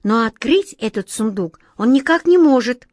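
Cast a woman as a teasing boyish wind sprite for a storybook, very high, singsong and chiming, dry close sound. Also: lively intonation, normal speed, darkish tone, dry recording. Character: playful childlike wind spirit, boyish, teasing.

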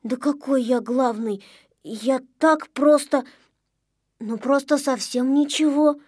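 Brief: a woman doing a bossy, boastful little boy from a storybook, blustering and defensive, high, lively voice, dry sound. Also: measured pace, no room sound. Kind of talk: storybook reading.

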